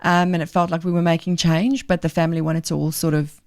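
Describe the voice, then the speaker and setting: A woman's voice: on the low side, flat delivery, quick pace, a little mellow. Woman with a faint South African accent. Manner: earnest, emphatic, thinks aloud with fillers. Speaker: guest, charity leader. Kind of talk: podcast interview.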